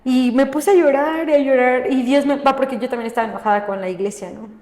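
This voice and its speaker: High-voiced woman telling her testimony. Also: fast talker, a little mellow. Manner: frequent questioning tag "¿no?" after phrases. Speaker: guest sharing her testimony. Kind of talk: personal faith testimony in a podcast conversation. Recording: echoey room with long reverb.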